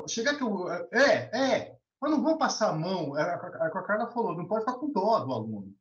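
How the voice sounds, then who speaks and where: Animated São man, echoey lo-fi. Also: high voice, a little fast. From Brazil. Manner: animated, colloquial, many restarts. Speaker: discussion participant, teacher. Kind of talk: casual storytelling and opinion. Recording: echoey lo-fi recording.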